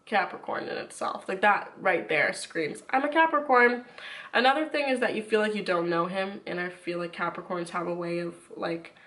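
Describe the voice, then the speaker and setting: A woman's voice: on the low side, moderate pace, few pauses, fairly bright tone. A woman chatting casually to viewers in an informal, rambling way with lots of "like", sick with a runny nose. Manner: informal, rambling, frequent filler "like". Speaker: YouTuber.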